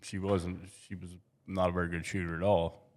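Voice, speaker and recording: Coach, male, very deep voice, loose casual storytelling. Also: little pitch movement, a little fast. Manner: storytelling, chatty, repeats words. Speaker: basketball coach and podcast co-host. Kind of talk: casual chat.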